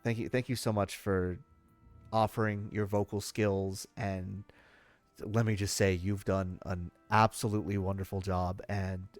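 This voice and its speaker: A man hosting a livestream, chatting casually and thanking people in an effusive, halting way. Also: low voice, level tone, soft background music. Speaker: livestream host. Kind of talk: casual chat, giving thanks to cast.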